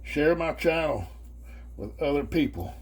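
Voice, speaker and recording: A man's voice: a little high, animated, a little slow, breathy edge. A man chatting casually and colloquially as he hosts a homemade cooking demonstration. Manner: folksy, colloquial, with y'all and homespun phrases. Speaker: host of a home cooking video channel. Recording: faint background noise and hum.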